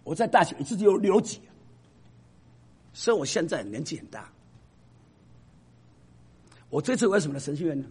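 A man who is a professor, telling stories to an audience in an emphatic, animated way that drops to a hush for the sad parts. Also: on the high side, moderate pace, long pauses, breathy edge. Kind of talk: storytelling talk to an audience.

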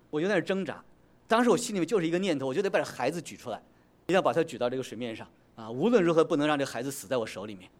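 Fast-talking middle-aged male pastor. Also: fairly high pitch. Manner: lively anecdotal telling, mixing in English words, chuckling. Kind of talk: storytelling sermon.

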